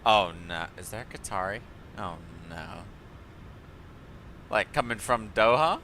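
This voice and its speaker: A man streams a flight simulator, chatting, joking with exasperation about ground crews and air traffic, and laughing often at the ground crew in live-stream commentary. His fairly low voice sounds pushed and bright, with lively intonation and an unhurried pace.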